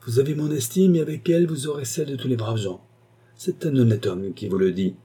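A man reading an audiobook, voicing a gruff, blunt older nobleman. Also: mid-range voice, a little fast, warm tone, voice pushed up, natural voice. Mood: approving.

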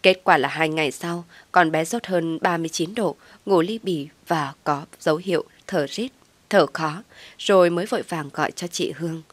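A woman narrating a first-person family drama story in a steady, measured way. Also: low-pitched, no echo.

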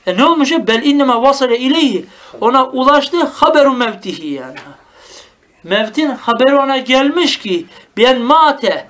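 A man teaching a traditional madrasa-style Arabic grammar lesson. He explains the text line by line, often asks "tamam mı?", and reads Arabic phrases slowly. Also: very high voice, big pitch swings, a bit bright.

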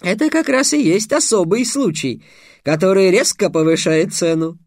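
Мужчина-чтец озвучивает хитрого, жадного работорговца средних лет, который торгуется льстиво и с показным благочестием. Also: male voice, sits high, moderate pace, dry recording, clean studio sound, voice pushed up. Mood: sly. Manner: smooth, bargaining, mock-pious. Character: sly, greedy middle-aged male slave trader.

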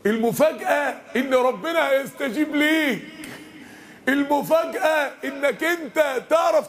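A man with an Egyptian accent giving an impassioned mosque lesson and speaking straight to his listeners. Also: very high voice. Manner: impassioned, addresses the crowd directly. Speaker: preacher.

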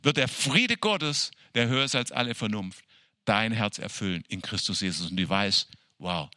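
Lively, sharp-voiced male preacher. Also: lowish voice, normal speed, no echo, clean studio sound. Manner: animated preaching with repetition and direct address. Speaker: pastor. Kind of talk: sermon. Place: church evening service.

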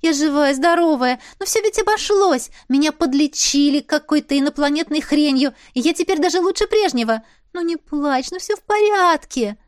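Picture a bubbly, teasing young woman from a spoken story, her voice pitched up and bright with energy, as a female reader puts her on. She chirps along in high spirits. The sound is close and dry. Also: animated, normal speed, dry recording. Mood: cheerful, coaxing.

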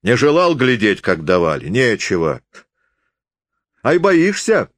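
A man voicing a drunk, menacing old male forester who speaks hoarsely in slurred folksy speech. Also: medium pitch, big pitch swings, takes it slowly, a bit bright, no echo, studio quality, voice pushed up. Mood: drunk blustering.

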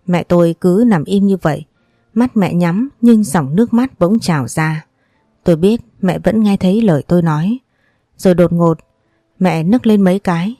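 A woman narrating a first-person audiobook story in a steady, sorrowful reading voice. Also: fairly low pitch, moderate pace, no room sound, studio quality.

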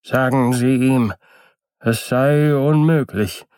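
A man voicing a weak, plaintive recluse who speaks slowly and faintly. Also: medium pitch, darkish tone, clean tone, pitched above the performer's own voice, lightly acted. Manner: slow, faint, lamenting. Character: weak plaintive hidden man behind a door.

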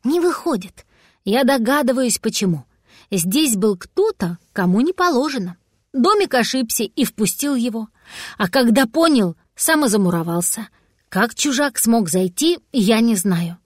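Woman voicing a soft-spoken young wizard. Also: on the high side, expressive, measured pace, dry recording, studio quality. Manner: soft and quiet. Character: young male wizard, polite and gentle.

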